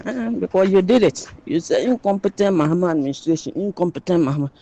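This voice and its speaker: A listener's phone voice note, played on air, carries a man's political opinion in a high-pitched, dark-toned voice with vocal fry. He talks fast and insistently, often repeating and restarting phrases.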